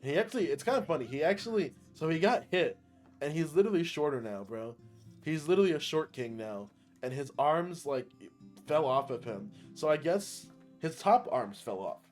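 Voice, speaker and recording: A young man giving an excitable, slangy anime recap, often laughing as he talks. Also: on the high side, moderate pace, soft background music. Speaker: anime reviewer. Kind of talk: casual recap commentary.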